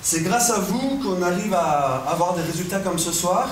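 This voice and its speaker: A man giving an informal thank-you speech from a comedy stage, hesitant and full of long ums. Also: high voice. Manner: hesitant, halting delivery with many long ums. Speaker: comedian thanking the audience at the end of a show. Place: indoor comedy theatre stage. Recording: echoey, noisy theatre stage from far off.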